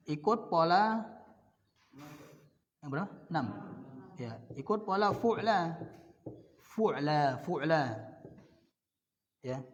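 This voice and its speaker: A man teaching Arabic grammar in a lecture, repeating each word and posing questions he answers himself. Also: a little high. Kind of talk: classroom lecture. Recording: dull lo-fi sound in a reverberant hall.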